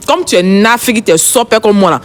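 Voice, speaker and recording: A woman's voice: medium pitch, animated, brisk. A woman with an Ivorian French accent hosting a live stream from home on her phone, scolding her viewers in a combative, repetitive rant. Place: home, early morning.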